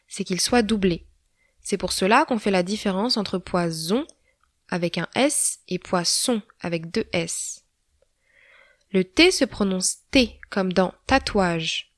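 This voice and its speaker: A woman giving a scripted language lesson, pronouncing each letter and example word slowly and deliberately. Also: mid-range voice, lively intonation, no echo, clean studio sound. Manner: slow, deliberate letter-by-letter pronunciation. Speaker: language teacher.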